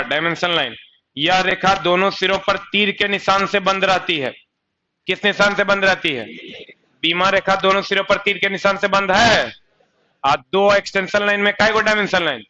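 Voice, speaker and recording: A man's voice: high voice, pushed and bright, lo-fi sound. A young man teaching a coaching class, chatty, often asking his students rhetorical questions and slipping into local dialect. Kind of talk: live online exam-coaching lecture.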